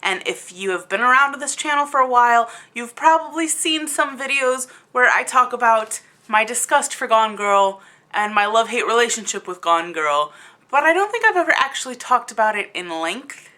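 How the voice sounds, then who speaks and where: A woman who hosts a book review video channel gives a casual, opinionated review to camera, blunt and exasperated, leaning on words for emphasis. Her voice is fairly high, animated and sharp, at a moderate pace.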